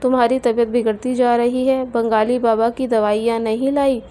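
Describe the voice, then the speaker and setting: A woman voicing a calm, mild-mannered young husband in a storybook tale. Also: a little high, normal speed, natural voice. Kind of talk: storybook character voice.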